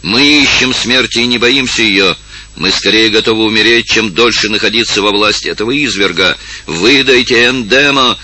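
A man reading aloud and voicing a crowd of angry male rebels who shout defiantly. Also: fairly low pitch, normal speed, pitched above the performer's own voice, low-quality recording.

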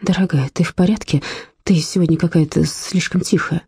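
A woman's voice: lowish voice, steady tone, a little fast, dark tone, husky. A woman voicing an anxious, polite middle-aged mother in a read-aloud story, speaking in a soothing, placating way.

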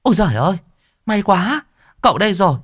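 Man doing a scared pleading auntie, high wailing voice, dry close sound. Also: big pitch swings, quick pace, a bit bright, no echo, full character voice. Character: middle-aged woman, pleading and frightened.

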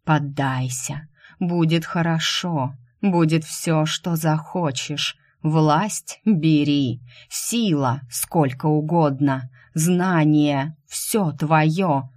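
A woman voicing a menacing dark male god. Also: low-pitched, very slow, heavily acted. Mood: coaxing menace.

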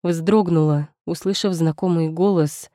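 A woman's voice: lowish voice, fairly even intonation, unhurried, warm tone, no echo, studio quality. A woman narrating a dramatic first-person story.

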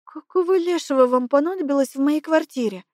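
A woman voicing a feverish young woman who sounds hoarse and indignant in an audiobook. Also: high-pitched, brisk, a little mellow, dry recording, clean studio sound, pitched above the performer's own voice, lightly acted. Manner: indignant, rising outbursts.

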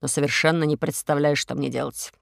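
A woman voicing a proud, stubborn male inspector with a firm, low manner. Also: fairly even intonation, brisk, creaky, no echo, studio quality.

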